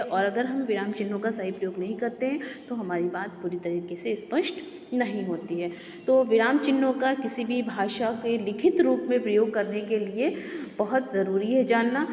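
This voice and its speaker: A woman's voice: fairly high pitch, a little mellow. Echoey Hindi teacher woman, step-by-step. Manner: explains step by step, repeats key words. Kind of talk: classroom grammar lesson. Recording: echoey room with long reverb, faint background noise.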